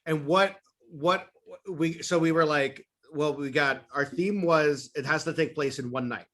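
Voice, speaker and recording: A podcast guest of about thirty, a man in his 30s, chats casually in an upbeat, rambling way packed with "uh" and "like." His voice is on the high side and fairly bright, and he speaks a little slowly.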